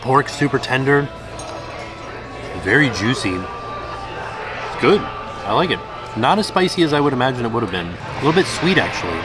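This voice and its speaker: A man's voice: medium pitch, very animated, normal speed, pauses often. A man chatting casually and enthusiastically as he vlogs a food and merch review. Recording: loud music and busy outdoor crowd behind. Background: loud music, crowd.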